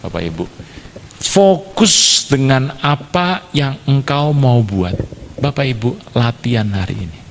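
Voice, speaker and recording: A male pastor preaching a sermon, telling a story with lively sound effects. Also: mid-range voice, takes it slowly, gravelly, big-room sound, a little hiss or hum.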